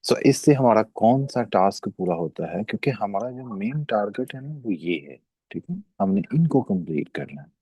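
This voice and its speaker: A low, gravelly male voice with a dark, husky tone talks students through German sounds. He explains patiently and repeats his points, and he keeps checking that everyone understood. The sound is dry and close. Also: big pitch swings, moderate pace, no echo, poor audio. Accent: Pakistani. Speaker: German language teacher. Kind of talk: classroom lesson explanation.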